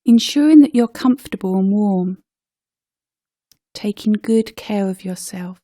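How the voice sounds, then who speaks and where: Speaking softly and very slowly in a mellow, medium-pitched voice, a woman leads a meditation. Like a teacher, she leaves gentle gaps between short phrases. The recording is dry, with no echo or room sound.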